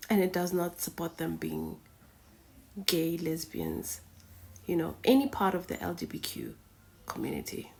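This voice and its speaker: Woman, gravelly voice, frank, lecturing, reaction commentary. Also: fairly low pitch. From southern Africa. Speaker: reaction video host.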